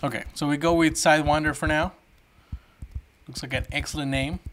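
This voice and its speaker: A man chatting casually to viewers on a live coding stream, excitable and quick to swear. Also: fairly high pitch. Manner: excitable, swearing, shouts when thrilled. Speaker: livestreaming programmer.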